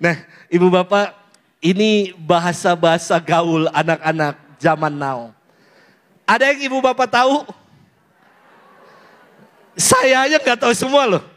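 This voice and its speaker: High-voiced joking priest. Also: male voice, lively intonation, measured pace, long pauses, fairly bright tone. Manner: playful, teasing, mimics youth in falsetto. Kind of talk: lively sermon to a parish audience.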